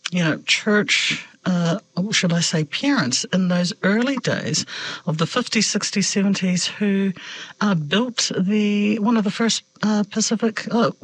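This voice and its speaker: A woman hosting a conversational interview, speaking in a measured, hesitant way with frequent pauses. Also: mid-range voice, no room sound, low-quality recording. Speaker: interview host.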